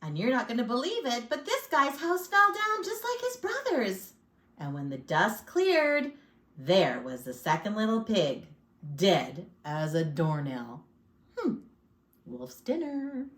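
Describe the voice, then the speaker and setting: A woman's voice: on the high side, sing-song, slow pace, fairly bright tone, full character voice. Lady reading as a sly folksy wolf telling his side, bouncy up-and-down voice, roomy echo. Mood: sly, aggrieved. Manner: folksy, sly, theatrical sneezes. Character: chatty self-pitying male wolf storyteller. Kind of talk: storybook read-aloud. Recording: echoey room.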